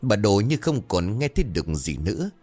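A man narrating a horror story in a dramatic, expressive reading. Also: lowish voice, fairly quick, soft background music.

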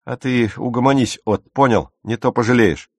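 A man voicing a normally quiet teenage boy who shouts threats at his twin during a fight. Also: medium pitch, normal speed, dry recording, natural voice. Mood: heated.

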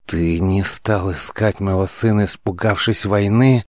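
A proud, grieving princess from an audiobook tale, voiced by a man in a low, deep register. She rules and accuses with a commanding edge. The voice sounds dry and close. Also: steady tone, measured pace, darkish tone, dry recording, close to an everyday voice. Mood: furious. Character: grieving, frantic royal princess, imperious.

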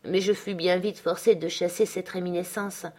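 A woman reads a classic novel aloud in the first person. Her voice sits fairly low, and she keeps a measured, steady pace. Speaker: audiobook reader. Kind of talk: literary audiobook narration.

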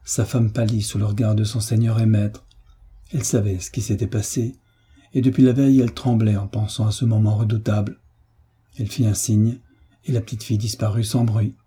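A male narrator reads an audiobook in a measured, steady way. His voice is husky and very dark, set fairly low in pitch. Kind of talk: scripted narration.

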